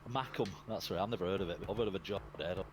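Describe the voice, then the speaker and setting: A man's voice: deep voice, racing. A man in his fifties with a Lancashire accent, chatting easily on a gaming stream, often agreeing and repeating himself. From Wigan, Northwest England. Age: 50s. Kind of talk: casual chat while streaming a game. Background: loud game music.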